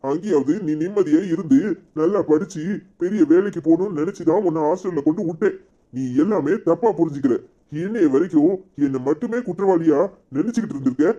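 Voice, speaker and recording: A man's voice: a little high, fairly quick, warm tone, dull audio, lightly acted. Man voicing a remorseful old cartoon father. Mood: explaining. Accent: Tirunelveli Tamil. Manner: humble, pleading, meek agreement. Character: remorseful elderly father begging forgiveness. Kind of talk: cartoon serial voice acting.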